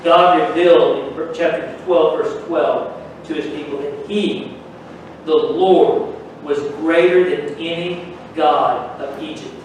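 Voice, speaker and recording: A man's voice: fairly high pitch, fairly even intonation, slow, a little hiss or hum. A man preaching a sermon with emphatic rhetorical questions, recorded from far off in an echoey room.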